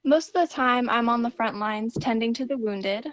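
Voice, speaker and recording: Patriotic army nurse in her twenties woman performer, higher-pitched, earnest and measured, dry recording, wartime radio interview. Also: dry recording, dull audio, lightly acted. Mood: solemn, steadfast. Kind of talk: scripted 1940s war radio interview.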